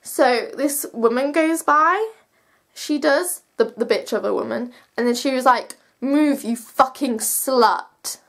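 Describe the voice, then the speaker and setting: A seventeen-year-old young woman telling a personal story in a casual, animated vlog style, slangy, emphatic and sweary. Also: high-pitched, unhurried, creaky.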